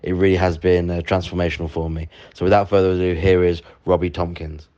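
A man's voice: deep voice, level tone, fast, mellow, lo-fi sound. A man hosting a podcast, speaking informally and earnestly straight to his listeners. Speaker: podcast host.

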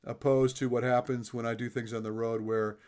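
A man's voice: mid-range voice, flat delivery, fairly quick, a little mellow. Chatty male podcast host. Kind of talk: casual podcast monologue.

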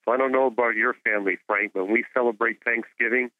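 A man speaking as a guest expert in an interview, explaining science in a measured, didactic way over a narrow phone-like connection. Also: medium pitch, fairly even intonation, no room sound. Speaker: guest expert, astronomer and author. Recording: phone-like narrow-band radio call.

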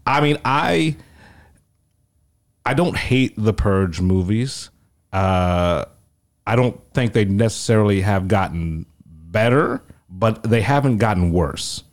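A man's voice: fairly low pitch, expressive, takes it slowly. A man talking movies in a loose, profane, rambling podcast chat. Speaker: podcast co-host. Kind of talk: casual film chat.

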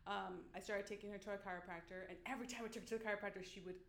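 A woman guest in a casual panel chat, telling a long story in an animated way and acting out the quotes. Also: mid-range voice, racing, a little hiss or hum. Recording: echoey room.

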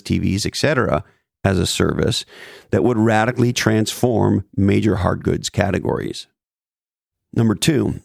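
A low, heavily gravelly man reads scripted business commentary, with dry wry asides and punchy repeated lines. The recording is close and dead dry, with no room sound at all. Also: darkish tone, dry recording. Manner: wry asides, emphatic repetition. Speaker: business podcast host.

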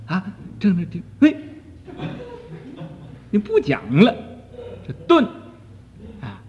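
An older man, a Buddhist teacher, lecturing slowly on a sutra commentary, with frequent "ah" fillers and sudden swings between soft and loud. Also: high voice, huge pitch swings, slight background noise. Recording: dull archival recording in a reverberant hall.

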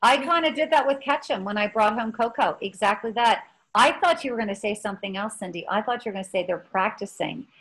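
A woman's voice: mid-range voice, expressive, fast, fairly bright tone, rough recording. A woman in her fifties co-hosting a casual chat, telling stories in a rambling way with many restarts. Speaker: podcast co-host.

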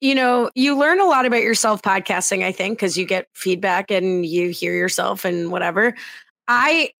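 A woman's voice: mid-range voice, moderate pace, creaky, a bit bright, dry recording. A woman co-hosting a casual podcast, chatty and teasing, often laughing. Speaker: podcast co-host.

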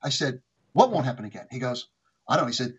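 A male guest telling stories about his career, animated and quick, often restarting his sentences. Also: mid-range voice, breathy edge, muffled recording. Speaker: guest, former executive. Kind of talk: anecdotal storytelling.

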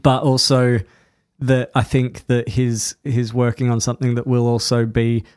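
Host, man, smooth clear voice, hesitant and full of fillers, dry close sound. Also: medium pitch, little pitch movement, a little slow, darkish tone, no room sound. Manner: hesitant, filler-heavy, summing up the guest. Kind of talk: casual chat.

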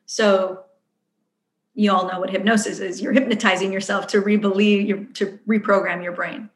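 A woman's voice: medium pitch, level tone, normal speed. A woman answering interview questions in a chatty way, with many fillers, acting out her own inner voice. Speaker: guest. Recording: roomy echo.

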